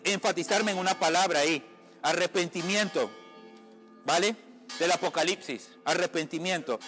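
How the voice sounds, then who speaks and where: A man's voice: sits high, a bit bright. A man from the Caribbean giving an informal sermon, talking conversationally to his listeners, often calling them brother and checking they follow. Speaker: lay preacher. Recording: long reverb from a room.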